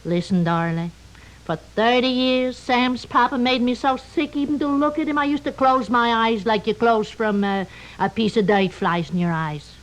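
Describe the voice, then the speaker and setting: A woman's voice: fairly high pitch, normal speed, lightly acted, low-quality recording. An actress playing a meddling, self-pitying older mother-in-law with melodramatic, wheedling manner and inverted phrasing in an old radio drama. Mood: wheedling, sardonic.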